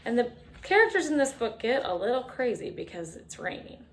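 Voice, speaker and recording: Like a teacher at an animated storytime, a woman with a slightly high voice reads a picture book aloud to children. She's expressive, with dramatic emphasis, drawn-out refrains, and chatty asides and questions to her young listeners. The recording is rough, with a little hiss or hum.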